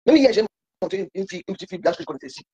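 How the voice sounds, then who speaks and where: A woman's voice: medium pitch, lively intonation, racing, warm tone, slightly rough, muffled recording. A woman guest on a live stream, complaining in a heated, repetitive way. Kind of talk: casual live-stream chat.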